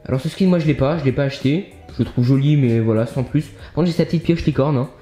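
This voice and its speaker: A man's voice: medium pitch, quick pace, dark tone, echoey room, soft background music. A young man with a French accent chatting casually while showing his toy collection in an upbeat vlog. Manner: chatty, upbeat, many fillers and asides.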